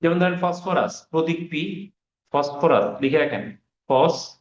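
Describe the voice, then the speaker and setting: A man's voice: a little high, lively intonation, moderate pace. A male teacher giving an online class lesson, who repeats key words and quizzes his students as he goes. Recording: roomy, dull online class audio.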